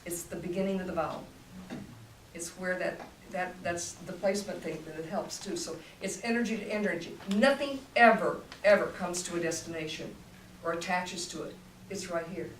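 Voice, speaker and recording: This is an older woman, a voice teacher, giving a voice masterclass talk with a lowish voice at normal speed. She explains technique in bursts, in a demonstrative, coaching style. She sounds distant in a roomy space, with a faint hum in the recording.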